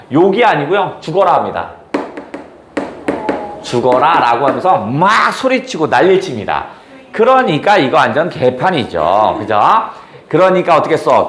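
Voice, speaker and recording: A male teacher lectures on classical prose with a high voice that leaps around. He tells the story bluntly and casually and keeps asking the class rhetorical questions. The room has a strong echo. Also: a bit bright, a little hiss or hum. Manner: casual, blunt speech with slang.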